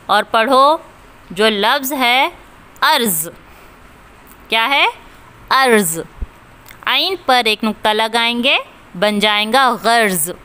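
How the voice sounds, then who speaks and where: A woman teacher gives a slow, deliberate reading lesson, sounding out each word letter by letter and then repeating it for her pupils to say back. Her voice is bright, crisp, and slightly high, with clean, clear diction.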